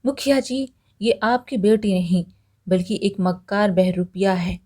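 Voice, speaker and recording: Determined young woodcutter, urgent and loyal, voiced by a woman storyteller, warm tone. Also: mid-range voice, a little slow, lightly acted. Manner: urgent, pleading.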